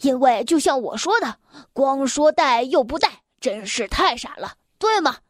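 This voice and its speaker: Woman doing a storybook chatterbox man, excitable, rambling, high, lively, dry close sound. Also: measured pace, no room sound. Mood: excited. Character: chatty excitable man who never stops talking. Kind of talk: storybook reading.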